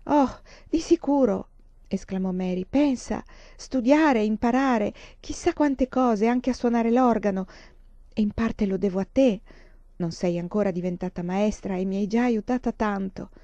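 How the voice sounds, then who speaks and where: A woman reading the lines of a gentle blind teenage girl about to leave home, softly and wistfully. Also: medium pitch, fairly even intonation, normal speed, dry recording, lightly acted. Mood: eager. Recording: dull lo-fi dry recording.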